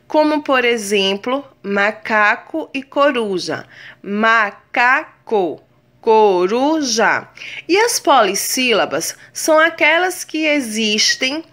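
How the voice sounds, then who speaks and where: A woman teacher speaks in a bright, clear voice, taking her time over each word. Her pitch rises and falls freely as she stretches words out syllable by syllable for her pupils. She calls the class her darlings. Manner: slow, drawn-out spelling of words syllable by syllable; affectionate, addresses pupils as darlings. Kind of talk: recorded remote lesson.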